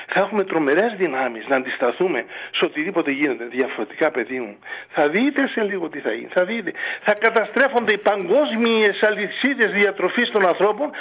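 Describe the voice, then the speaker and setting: A man, a monk, speaking in a radio interview in a fatherly, exhorting way, full of rhetorical questions, heard over dull lo-fi radio audio. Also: fairly high pitch. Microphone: radio studio or phone line.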